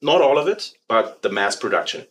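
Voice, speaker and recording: A man from Germany with a German accent, a company president talking casually in an interview, relaxed and halting with many fillers. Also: fairly low pitch, slight background noise.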